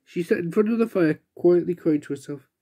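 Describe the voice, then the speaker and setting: A woman's voice: lowish voice, fairly quick, dark tone. A woman reading a children's picture book aloud, expressively voicing the characters. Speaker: storyteller.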